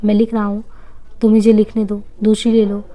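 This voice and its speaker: A woman's voice: medium pitch, monotone, normal speed, dark tone, natural voice. A woman reading aloud as a stubborn, defiant boy who insists on having his way. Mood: irritated.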